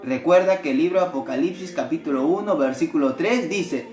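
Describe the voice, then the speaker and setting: A male missionary preacher delivering a devotional sermon in an animated way, often asking his listeners rhetorical questions. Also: fairly high pitch, a little fast. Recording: echoey room with faint music.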